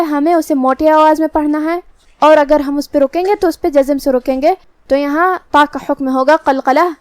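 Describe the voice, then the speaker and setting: A woman's voice: high-pitched, no echo. A woman with an Urdu accent teaching Quran recitation rules, explaining patiently and methodically, step by step. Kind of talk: tajweed lesson, explaining rules slowly.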